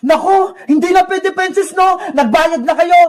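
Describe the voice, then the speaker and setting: Woman playing a loud cheeky boy vendor. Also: very high-pitched, normal speed, background noise. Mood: teasing. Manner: hawking shouts, teasing laughter. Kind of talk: comedy skit acting. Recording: very echoey room.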